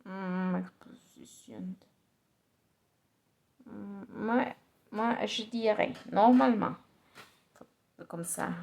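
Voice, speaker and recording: Slow, gravelly-voiced woman learning French. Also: medium pitch, a little mellow. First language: Spanish. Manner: halting, repeats phrases, mutters to herself. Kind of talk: pronunciation practice.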